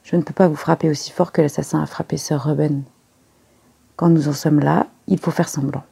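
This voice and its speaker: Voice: mid-range voice, flat delivery, fairly quick, creaky, warm tone, husky, exaggerated voice. A reader voicing a fussy, self-satisfied little male detective who coaxes and explains with precise, playful instructions. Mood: coaxing. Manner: precise, coaxing, fond of little jokes.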